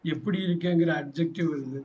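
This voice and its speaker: A man runs an English class, repeating each prompt and gently fixing mistakes. His voice sits notably high for a man. The recording is dull and lo-fi. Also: a little fast, a little hiss or hum. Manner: gives prompts again and again, corrects answers patiently. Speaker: English teacher. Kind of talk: bilingual class drilling.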